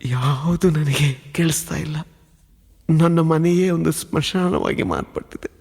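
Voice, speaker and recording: A man's voice: fairly high pitch, a little slow, vocal fry, darkish tone. A man preaching, telling his personal testimony in an earnest, emotionally building storytelling manner. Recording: long hall reverb.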